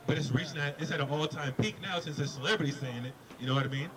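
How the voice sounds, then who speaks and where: A man's voice: fairly high pitch, fast talker, noisy background. A man preaching on a city street, questioning a passerby in an emphatic debate and repeating words as he drives his point home. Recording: busy street crowd behind.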